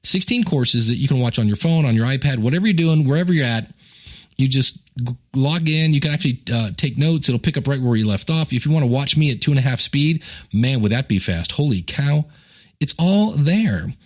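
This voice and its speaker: With a mid-range voice, lively intonation and a fairly quick pace, a man chats his way through a casual solo podcast. He teaches podcasting as well as hosting, and between plugs and announcements he wanders into self-deprecating jokes.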